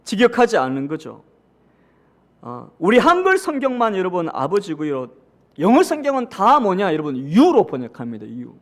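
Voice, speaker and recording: A male pastor with a Gyeongsang accent giving a sermon. He talks straight to the congregation, reads scripture aloud with them, and swings between loud, emphatic lines and hushed asides. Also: sits high, wildly swooping pitch, moderate pace. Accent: Gyeongsang Korean.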